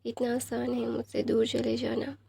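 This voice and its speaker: Possessive young lover, read by a woman, soft and husky, monotone delivery. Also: fairly high pitch, moderate pace, no room sound, exaggerated voice. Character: possessive lovestruck young man, tender and stern.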